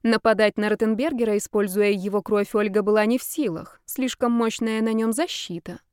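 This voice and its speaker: A woman narrating a fantasy audiobook in a measured, even storytelling manner. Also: mid-range voice, smooth, dry recording, studio quality.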